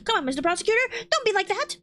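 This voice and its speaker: A woman's voice: very high-pitched, big pitch swings, quick pace, fairly bright tone, slight background noise. A woman streaming a game, chatting casually and reacting aloud in an exclamatory, giggly way. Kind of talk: casual gaming commentary. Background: faint game music.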